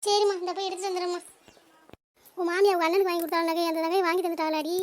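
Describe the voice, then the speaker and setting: A woman voicing a worried middle-aged mother with a sped-up, squeaky cartoon voice. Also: little pitch movement, rapid-fire, a little hiss or hum. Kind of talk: cartoon family drama.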